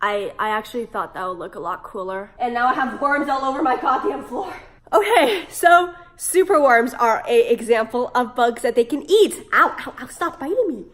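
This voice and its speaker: Female pet-care vlogger, high register, hoarse smoker's rasp from being sick, casual and playful. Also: lively intonation, moderate pace. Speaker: pet care video host. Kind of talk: casual instructional vlog.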